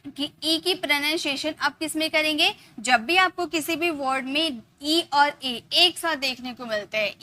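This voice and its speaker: A woman's voice: high-pitched, bright, forceful tone. A woman teaching English pronunciation step by step, spelling letters aloud and checking in with "okay". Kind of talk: casual teaching lesson.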